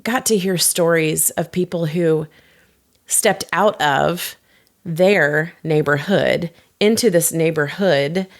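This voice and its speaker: A pastor in her forties with a low, slightly gravelly voice. She tells stories animatedly in a casual podcast chat and drops quick playful asides as she goes. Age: 40s. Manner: lively storyteller, quick laughs, animated asides. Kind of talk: podcast conversation.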